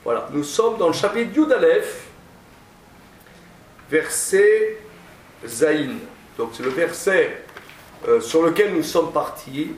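A male teacher giving a classroom lecture, often stammering and restarting, stressing points with drawn-out phrasing. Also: fairly high pitch, animated. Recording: echoey room, distant mic, faint noise.

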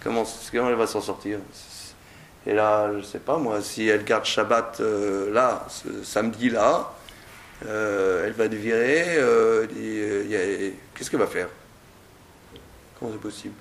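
A man teaching a lively Talmud class to a group, explaining with animated, theatrical examples. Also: fairly low pitch, a little slow. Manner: animated, acts out examples with mock anger. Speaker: Torah teacher. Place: study room with a group. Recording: roomy echo.

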